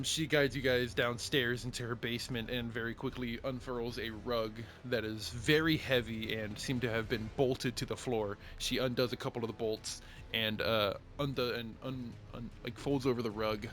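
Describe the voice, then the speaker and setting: A man's voice: mid-range voice, fairly even intonation, moderate pace, fairly bright tone. A man narrating a tabletop game as game master, describing scenes with frequent fillers.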